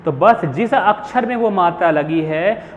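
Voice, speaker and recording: A man's voice: high voice, expressive, unhurried. A young man teaching Hindi grammar in a classroom lesson, asking questions and answering them himself. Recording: phone-like hall echo with faint hiss.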